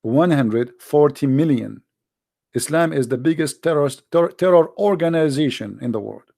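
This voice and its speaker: Expressive and at normal speed, a man with a fairly high-pitched, gravelly, dark-toned voice delivers a blunt, emphatic livestream monologue, preaching directly to viewers as a daily broadcast host. Arabic is his first language, and the audio is close and dry with no echo.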